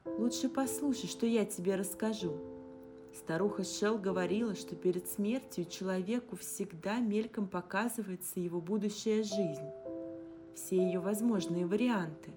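A woman voicing a calm, tender young woman who gently reassures her friend. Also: medium pitch, normal speed, natural voice. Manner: gentle, reassuring, soft sighs. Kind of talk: audiobook character reading. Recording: guitar music underneath. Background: guitar music.

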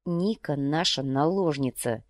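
A woman's voice: lowish voice, moderate pace, no echo, studio quality, lightly acted. A woman reading the part of a jealous, bitter husband, talking in an angry, clipped way.

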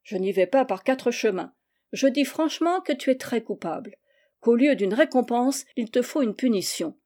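A woman's voice: fairly high pitch, expressive, normal speed, dark tone. A woman reading aloud as an outspoken older aunt who lectures firmly and emphatically. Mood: firm lecturing.

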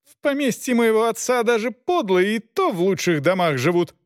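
A man's voice: extremely high pitch, sing-song, takes it slowly, no echo, clean studio sound, voice pushed up, full character voice. A man voicing a stubborn, haughty young noblewoman who shrieks with indignation in an audiobook. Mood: indignant.

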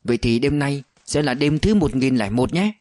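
A man voicing a soldier husband home from war who speaks softly and quietly. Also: mid-range voice, animated, moderate pace, close to an everyday voice. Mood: tender. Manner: soft, quiet.

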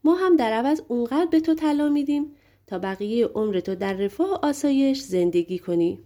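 A woman's voice: fairly high pitch, expressive, mellow, pitched above the performer's own voice, lightly acted. A woman reading a shrewd commanding giant. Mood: persuasive.

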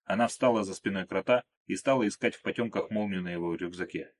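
A man narrates a first-person audiobook in a low, husky voice. His reading is calm and measured, staying even and unhurried.

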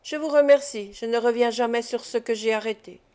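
A woman's voice: fairly high pitch, fairly quick, warm tone, clean tone, close to an everyday voice. A woman reading the lines of a young doctor who answers politely and curtly. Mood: reserved. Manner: polite, curt. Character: young doctor, reserved and calculating.

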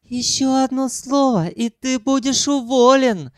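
Man playing a touchy, high-voiced celebrity singer in a storybook; shrill, haughty, easily enraged. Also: creaky, clean tone, no room sound, studio quality, soft background music, full character voice. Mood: indignant. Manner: haughty, quick to shout and threaten. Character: pompous, squeaky male pop singer, self-important and touchy.

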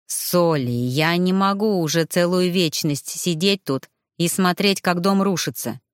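Woman voicing a gentle, sighing young ghost. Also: lowish voice, measured pace, clear, resonant tone, no echo, clean studio sound, natural voice. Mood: sorrowful. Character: polite young male ghost, weary and sorrowful.

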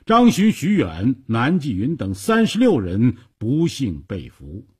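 一位男性说书人，以富有戏剧性的广播评书方式讲述故事。. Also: male voice, medium pitch, slow pace, husky. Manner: dramatic, animated storytelling. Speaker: storyteller. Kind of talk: radio story narration.

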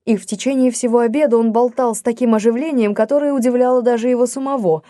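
A woman reading a classic novel aloud in an audiobook, in a measured, literary way. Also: fairly high pitch, steady tone, warm tone, no echo, studio quality. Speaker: audiobook narrator. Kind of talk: scripted audiobook narration.

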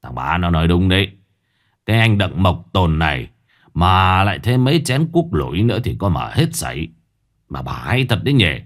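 Man voicing a gruff village father, deep, blustering, hot-tempered, spoken ghost story. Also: big pitch swings, moderate pace. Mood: dismissive.

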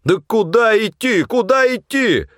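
A man's voice: sing-song, measured pace, no echo, studio quality. A man voicing an irritable, panicking male supply clerk who whines and complains. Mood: panicky. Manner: whiny, shrill, complaining.

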